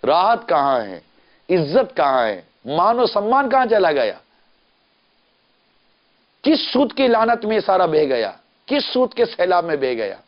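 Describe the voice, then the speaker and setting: A man's voice: high voice, dull audio. A man preaching a televised sermon, emphatic and rhetorical, piling up lists and repeated questions. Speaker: Islamic preacher.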